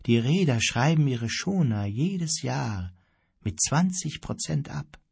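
A man voicing a calm, gentle old sea pilot who speaks softly and unhurriedly, in a husky voice. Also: medium pitch, no room sound, heavily acted. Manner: soft-spoken, quiet and unhurried.

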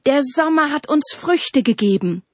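A woman voicing a chorus of eager, complaining talking trees in a storybook, with a high, pleading, childlike tone. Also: animated, moderate pace, a little mellow, slightly rough, dry recording.

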